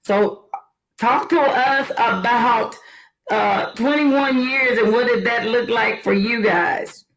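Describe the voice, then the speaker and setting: Slightly high-voiced woman hosting. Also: slow, slight background noise, low-quality recording. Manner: warm familiar questioning with slang. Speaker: host. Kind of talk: casual chat.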